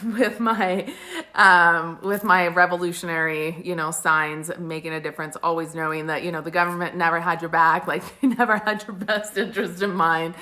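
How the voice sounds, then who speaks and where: An Italian spiritual coach in her forties chats casually with live stream viewers, full of fillers and frequent laughs. Her voice is fairly low in pitch, with a pushed, bright quality.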